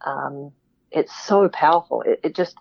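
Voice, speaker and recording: Low-voiced reflective woman, dull lo-fi sound. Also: measured pace, gravelly, husky, dry recording. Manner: reflective, many restarts and fillers. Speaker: podcast guest. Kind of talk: casual interview chat.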